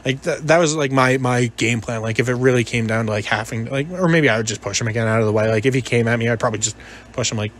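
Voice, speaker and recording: A man's voice: mid-range voice, quick pace, slight background noise. A man telling a personal story in a casual, rambling, conversational way, often hesitating and repeating himself. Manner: hesitant, repetitive, conversational, quotes dialogue. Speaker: gaming video narrator telling a personal story.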